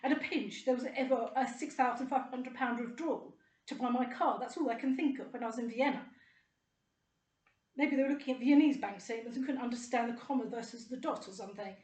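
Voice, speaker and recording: A woman's voice: on the high side, a little fast, a little mellow, echoey room. A middle-aged woman, delivering an indignant, rambling and sarcastic monologue to camera. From United Kingdom. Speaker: vlogger.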